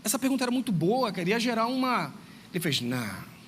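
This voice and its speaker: Man, high-pitched, church talk to parents, long reverb. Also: quick pace. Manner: lively storytelling, acts out dialogue, addresses listeners directly. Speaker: teacher speaking to parents. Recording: long reverb, faint background noise.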